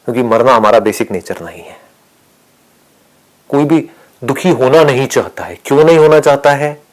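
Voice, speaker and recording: A man giving a calm spiritual discourse, speaking softly and often sinking to a whisper, asking and answering his own questions. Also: mid-range voice, normal speed, poor audio. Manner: calm, soft-spoken, often dropping to a whisper. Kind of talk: spiritual discourse mixing Hindi and English.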